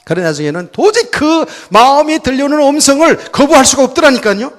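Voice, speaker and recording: Animated middle-aged man preaching a sermon. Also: very high voice, a little fast. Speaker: pastor. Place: church sanctuary.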